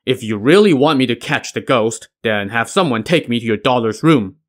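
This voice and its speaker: A man playing a hot-tempered, brutish male outlaw warrior in an audio story, loud and blunt. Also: mid-range voice, lively intonation, normal speed, lightly acted.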